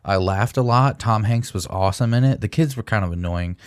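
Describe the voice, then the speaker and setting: A man's voice: lowish voice, a little fast, clear, resonant tone, dry recording, studio quality. A man co-hosting a comedy podcast, joking around casually and swearing freely. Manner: swears freely, jokey, excitable. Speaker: podcast co-host.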